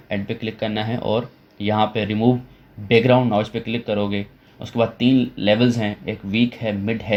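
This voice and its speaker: A man walks through a software tutorial one step at a time, restarting his sentences now and then as he works at the computer. His voice sits fairly low, and the recording has a dull, lo-fi sound with muffled highs. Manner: step-by-step explaining with frequent fillers and restarts.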